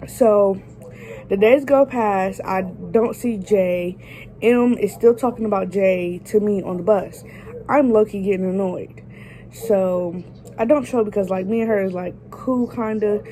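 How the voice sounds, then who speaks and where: Raspy-voiced woman telling a story. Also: medium pitch, normal speed, warm tone, a little hiss or hum, poor audio. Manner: chatty, addresses viewers directly. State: raspy from just waking up. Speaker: vlogger. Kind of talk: casual story time.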